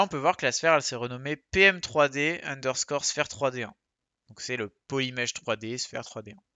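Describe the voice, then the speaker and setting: Bright-voiced man teaching software. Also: medium pitch, no room sound. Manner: relaxed, chatty, with many fillers and self-corrections. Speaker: 3D sculpting instructor. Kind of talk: screen-recorded software tutorial.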